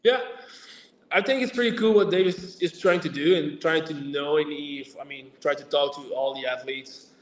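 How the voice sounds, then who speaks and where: Halting man in an echoey room. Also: on the high side. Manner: hesitant, many fillers and restarts, halting grammar. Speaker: athlete guest. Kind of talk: remote interview chat. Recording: echoey room, far from mic.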